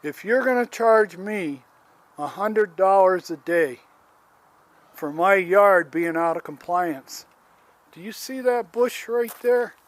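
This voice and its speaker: Strolling outside with a phone in hand, a homeowner in his seventies vlogs an aggrieved complaint about his yard. His voice is high for a man, his pace slow and unhurried, with no echo, and he rambles and restarts in a plain, homespun way.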